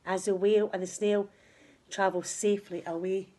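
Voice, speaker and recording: With a level, warm, mid-range voice at a moderate pace, a woman reads a rhyming children's picture book aloud in a teacher's manner. Her delivery is expressive, with emphatic and dramatic phrasing.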